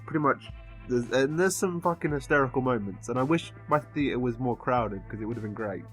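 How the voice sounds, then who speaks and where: A man with an English accent giving a casual film review, rambling and halting as if he has been drinking. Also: medium pitch, soft background music. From England.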